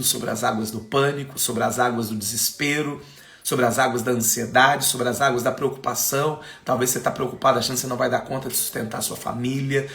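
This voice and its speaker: A man preaching a sermon in Brazilian Portuguese, impassioned, building to emphatic peaks and then dropping soft. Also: medium pitch, vocal fry, echoey room. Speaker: pastor. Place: church sanctuary.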